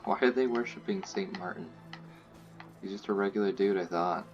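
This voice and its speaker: A man's voice: low voice, normal speed, highs cut off, faint music behind. A man casually joking his way through a game as commentary host. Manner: joking, sarcastic, laid-back. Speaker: gaming channel host. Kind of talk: let's play commentary.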